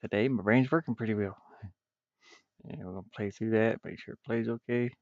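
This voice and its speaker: A gravelly-voiced man with a fairly low, darkish pitch mutters and rambles to himself at a brisk, steady clip, casually thinking aloud while streaming his game development. The lo-fi mic sounds dull, muffled and dry.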